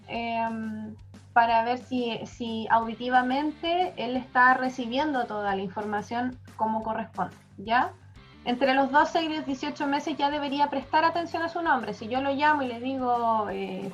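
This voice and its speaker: High-voiced Chilean woman explaining. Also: muffled recording. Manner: checks in with a frequent "¿ya?". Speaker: speech therapist. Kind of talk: explanatory parenting advice talk.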